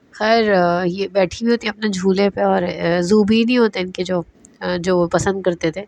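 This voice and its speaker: A woman's voice: on the low side, darkish tone. A woman casually recapping drama episodes as a reviewer, chatty and hesitant with many fillers.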